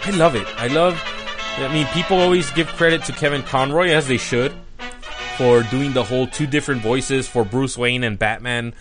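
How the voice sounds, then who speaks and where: A man's voice: mid-range voice, normal speed, over music. A man giving a casual, chatty commentary as he recaps a cartoon, full of enthusiasm and sprinkled with "like" and "uh.". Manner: enthusiastic and chatty, with frequent "like" and "uh" fillers. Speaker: cartoon reviewer.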